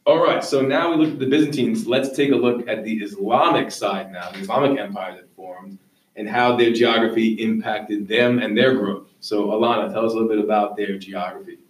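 A male teacher leads a classroom discussion in a fairly low voice. He explains conversationally and often checks that listeners follow, sounding slightly away from the microphone. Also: brisk, far from the mic, poor audio. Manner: explanatory, checks understanding with "right?". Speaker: history teacher and show host.

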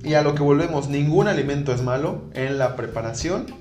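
A man's voice: on the high side, a little fast. A man with a Mexican accent hosting a casual chat, joking and slangy, playing up comparisons like a boxing announcer. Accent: Mexican Spanish. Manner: joking, playful, slangy, boxing-match commentary voice. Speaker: podcast host. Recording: roomy room with music behind.

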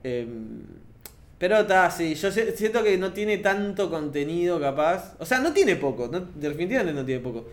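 Young man, slightly high voice, lively casual gamer talk, trips over his words. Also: moderate pace. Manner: animated, laughs often, many restarts. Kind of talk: casual gaming chat.

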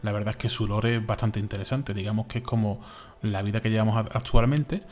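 A man from Spain with a Spain Spanish accent, co-hosting a podcast in casual, animated chat, full of fillers and repeats. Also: on the low side, a little fast. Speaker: podcast co-host.

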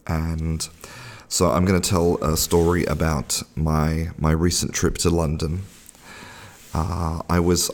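Here a low-pitched man hosts a podcast, rambling through a casual story with frequent fillers and restarts. The recording carries a long reverb tail.

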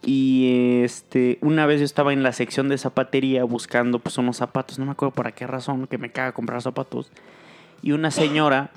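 A man's voice: medium pitch, level tone, fairly quick, smooth. Mexican man, podcast host, casual chat, slangy, jokey, faint music behind. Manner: joking, slangy, trailing off with filler words.

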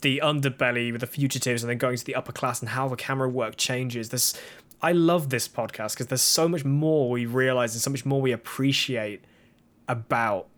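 A man co-hosting a podcast in a casual, eager chat. His voice sits at an ordinary middle pitch. He often talks over his co-host. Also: fairly even intonation, moderate pace, fairly bright tone. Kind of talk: casual chat reviewing TV episodes.

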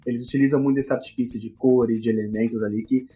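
Male interviewer, quick relaxed delivery, faint background music. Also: mid-range voice. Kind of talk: casual interview questions.

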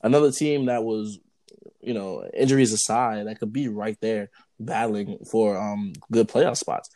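Lowish mellow guy on a sports pod, measured, lots of ums. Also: no echo, poor audio. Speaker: podcast co-host. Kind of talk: casual sports podcast chat.

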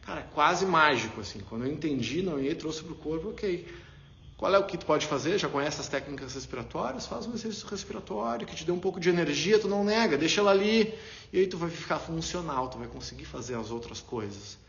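A man explaining ideas in a casual, animated way, acting out little inner dialogues as he talks. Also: a little high, fast, vocal fry. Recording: roomy, dull lo-fi sound.

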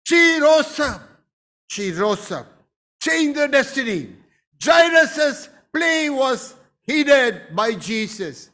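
High-pitched, slow-preaching pastor. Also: male voice, fairly bright tone. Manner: emphatic preaching, breaks into exclamations. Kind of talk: sermon.

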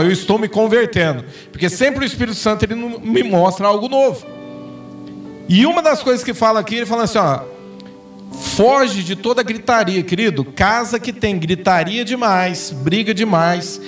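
High-voiced Brazilian pastor preaching. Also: male voice, recorded from a distance. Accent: Brazilian Portuguese. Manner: storytelling, acts out quoted dialogue with rising intensity. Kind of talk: sermon. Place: church sanctuary.

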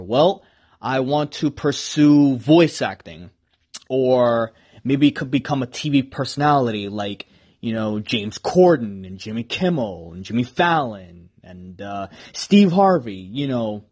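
A man's voice: medium pitch, darkish tone. A man in his twenties hosting a solo podcast in a casual, rambling way. He is enthusiastic and self-deprecating. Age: 20s. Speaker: podcast host.

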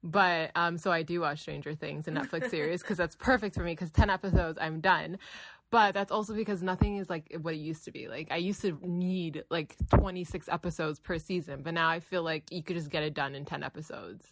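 A young woman in her twenties co-hosting a casual podcast, talking in a flat, drawling way with lots of fillers. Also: fairly low pitch, fairly quick, no echo. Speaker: podcast co-host. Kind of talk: casual chat.

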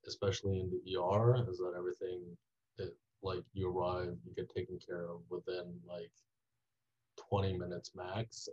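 A young man from Taiwan, a student being interviewed, telling a rambling story full of "like" fillers that trails off quietly. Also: sits low, slightly rough. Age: young adult. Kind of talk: casual interview. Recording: dull lo-fi audio.

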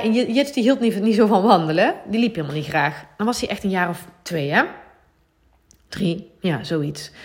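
A woman in her thirties with a Dutch accent, hosting a solo podcast in an earnest, confiding way, thinking aloud with many fillers. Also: medium pitch. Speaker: podcast host. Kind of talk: reflective solo podcast talk.

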